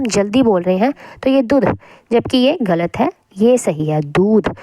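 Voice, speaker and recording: A woman teacher explaining a spelling lesson patiently, repeating words slowly to show how they sound. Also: fairly high pitch, warm tone, slight background noise.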